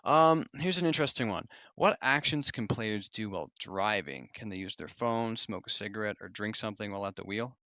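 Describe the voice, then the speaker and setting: A man's voice: lowish voice, lively intonation, brisk, few pauses, sharp tone, no room sound. A man hosting a casual livestream Q&A, reading viewer questions aloud in a chatty way with fillers. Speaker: stream host.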